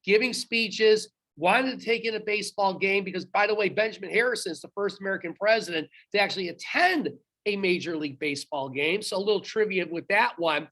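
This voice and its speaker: A man's voice: sits high, a little fast, pushed and bright. A man teaching history in a recorded lecture, talking straight to his students and stopping to quiz them on trivia. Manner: chatty, talks straight to students, quizzes them.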